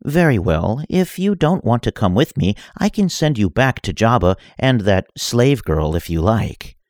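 A man voicing a teasing female dark lord in a story reading, smooth and mocking. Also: on the low side, very animated, measured pace, no room sound, clean studio sound, pitched above the performer's own voice.

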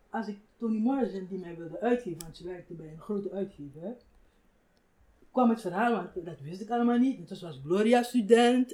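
An older woman, a writer, telling stories in a relaxed conversational interview, animated and laughing often. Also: mid-range voice. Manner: animated, acts out quoted voices, laughs often. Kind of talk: reflective conversational storytelling.

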